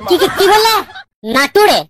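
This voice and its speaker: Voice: extremely high pitch, expressive, moderate pace, fairly bright tone. A voice actor playing an incredulous new male schoolmaster in a cartoon, correcting everyone's English. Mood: exasperated. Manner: exasperated, incredulous. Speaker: new teacher.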